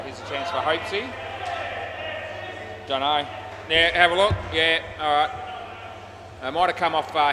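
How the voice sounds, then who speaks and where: A man with an Australian accent giving casual, laconic, matey amateur commentary and umpire calls at indoor cricket. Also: mid-range voice. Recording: noisy indoor sports hall, bouncing balls.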